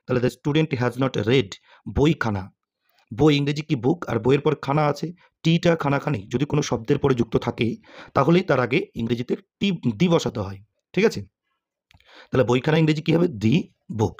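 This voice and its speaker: A man's voice: mid-range voice, darkish tone, dull audio. A man teaching English grammar to students, asking questions and answering them himself, with frequent "okay?" check-ins.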